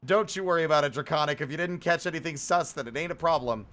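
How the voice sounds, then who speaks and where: A fast-talking live streamer, his voice a bit bright and on the high side, hosts a loose, playful chat with viewers, theatrically rambling from one greeting or exclamation to the next.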